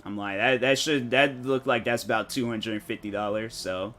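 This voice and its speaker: Slangy, animated male gaming streamer. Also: medium pitch, moderate pace, slight background noise. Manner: rambling storytelling, slangy, animated, mock-quotes people. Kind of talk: casual chat while streaming a game.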